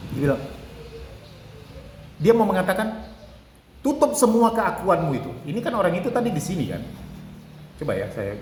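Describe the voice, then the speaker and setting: A man's voice: high-pitched, slight background noise. A man giving a casual sermon, explaining with a drawn illustration, repeating phrases and acting out quoted lines. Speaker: preacher. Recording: echoey room with long reverb, faint ambience.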